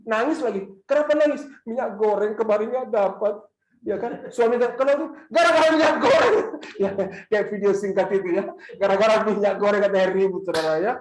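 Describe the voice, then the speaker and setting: A man preaching a sermon as pastor, asking the congregation questions and repeating key lines, at times rising to loud, fervent preaching. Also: very high voice. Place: church hall. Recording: echoey church hall.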